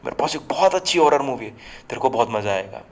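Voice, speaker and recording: A man's voice: mid-range voice, lively intonation, quick pace, darkish tone, close to an everyday voice. A man voicing a playful, mocking young male student who teases his friend, on a slightly muffled recording. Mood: teasing.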